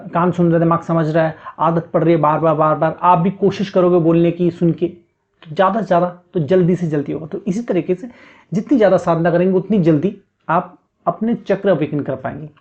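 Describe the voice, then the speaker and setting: A man's voice: a little high, fairly quick. A man giving step-by-step meditation instructions in a patient, repetitive way, often checking in with the listener. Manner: repetitive, coaxing, frequent "theek hai" check-ins. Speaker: meditation teacher. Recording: dull lo-fi sound.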